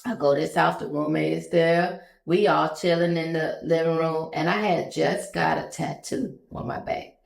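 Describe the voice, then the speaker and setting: Low gravelly woman in echoey room. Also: moderate pace. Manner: storytelling, relaxed and conversational. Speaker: business owner guest. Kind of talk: casual interview chat.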